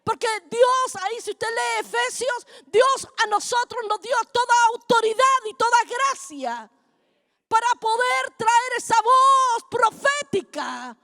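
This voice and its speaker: A middle-aged woman, preaching a fervent sermon that builds to shouting. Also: very high-pitched, expressive, takes it slowly. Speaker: apostle preaching at a congress.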